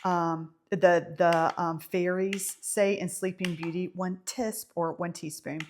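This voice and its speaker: A woman's voice: on the low side, flat delivery, slow, a little mellow, slight background noise. Chatty Southern woman teaching baking. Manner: chatty, self-amused, many ums. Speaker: home baker teaching a bread recipe. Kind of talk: casual baking tutorial.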